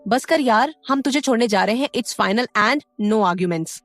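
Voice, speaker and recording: A woman's voice: a little high, expressive, unhurried, faint music behind. A woman voicing a bossy, joking young male student in an audio story, bantering with his friends.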